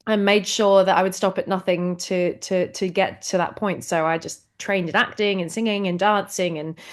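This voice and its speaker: A woman's voice: lowish voice, normal speed. Bubbly New woman in her thirties. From New Zealand. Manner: bubbly, expressive, laughs often. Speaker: actress and singer, guest. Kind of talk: casual interview chat.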